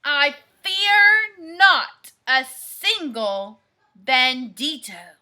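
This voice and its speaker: Woman doing a squeaky little storybook chihuahua hero. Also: sing-song, drawn-out words, sharp tone, heavily acted. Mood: timidly bold. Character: excitable small male chihuahua hero.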